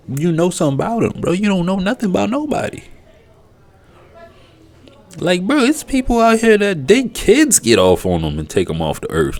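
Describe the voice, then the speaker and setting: A vlogger whose first language is Haitian Creole gives casual, rambling, profane commentary. His voice is a little high with a darkish tone.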